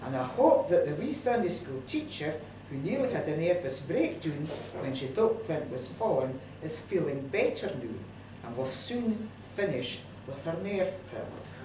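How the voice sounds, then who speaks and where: Broad Scots woman, comic monologue, lively pitch, distant roomy hall recording with noise. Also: a little slow, hardly any pauses. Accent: Scottish, broad Scots. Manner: lively, chatty Scots dialect delivery. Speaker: storyteller at a community event. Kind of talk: comic monologue told as a mother's letter. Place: community centre hall, live audience.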